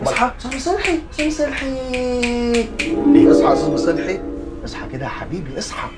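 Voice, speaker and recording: An actor playing a scheming, smooth-talking male lawyer with an Egyptian accent, who talks in a rapid, coaxing way. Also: extremely high pitch, lively intonation. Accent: Egyptian Arabic. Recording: roomy film audio with faint music.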